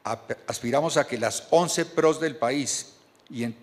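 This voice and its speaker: A man, reading a measured and earnest formal speech from notes at a podium microphone in a large banquet hall. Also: medium pitch. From Colombia. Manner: measured and earnest, reads from paper with small restarts. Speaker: board chairman giving a speech. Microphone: podium microphone on a stand.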